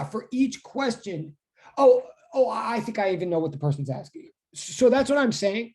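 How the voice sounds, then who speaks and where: A woman's voice: mid-range voice, a little mellow. A middle-aged woman lecturing as a physics teacher in an online class, intense and insistent, often interrupting herself as she explains. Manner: conversational, self-interrupting explaining.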